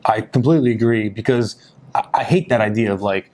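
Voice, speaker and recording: A man's voice: lowish voice, fairly quick, darkish tone. Upbeat chatty male podcast host. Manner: chatty, upbeat, lots of fillers and laughs. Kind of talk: casual podcast chat.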